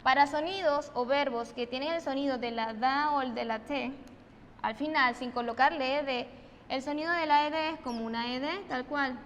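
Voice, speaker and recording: A Venezuelan woman teaching English pronunciation, switching between Spanish and English and repeating each example word slowly and with emphasis. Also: sits high, in a large hall, a little hiss or hum. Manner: slow, emphatic repetition of example words. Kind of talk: recorded online English lesson.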